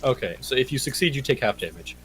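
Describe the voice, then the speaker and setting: A man playing a tabletop game in casual chat, chatty and quick to laugh. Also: medium pitch, expressive, fairly bright tone, slight background noise, poor audio. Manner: laughs often, loose and chatty. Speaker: player.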